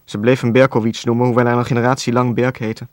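A man reading a novel aloud as narrator, in a calm, even storytelling voice with a dry wit. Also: medium pitch, fast talker, no echo. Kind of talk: scripted audiobook narration.

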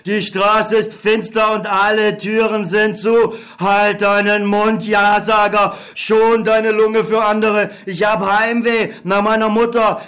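A man's voice: sits high, fairly bright tone. A man playing a weary, bitter young war returnee, tired and hungry, in a radio play. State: exhausted and hungry.

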